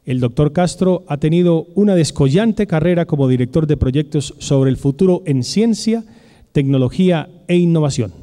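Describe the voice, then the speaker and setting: A man's voice: a little high, expressive, warm tone. A man formally introducing the next speaker at an academic event. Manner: formal, measured. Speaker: event announcer. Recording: long hall reverb.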